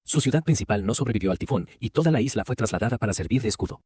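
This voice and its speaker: A man giving a scripted first-person story narration with a brisk, even storytelling read. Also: lowish voice, slight background noise.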